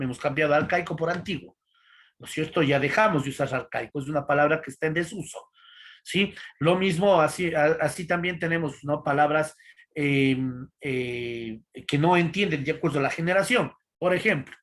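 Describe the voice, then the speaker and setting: A man's voice: fairly high pitch, fairly bright tone. A male teacher, giving an online class lecture in an explanatory way, with frequent fillers and tag questions. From Ecuador.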